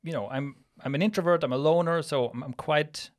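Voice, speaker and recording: A man's voice: a little high, a little fast. Reflective man on a studio podcast. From Switzerland. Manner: reflective, thinking aloud with many restarts. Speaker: podcast co-host. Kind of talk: casual podcast conversation. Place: small studio room with plant wall. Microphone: studio mic on boom arm, headphones.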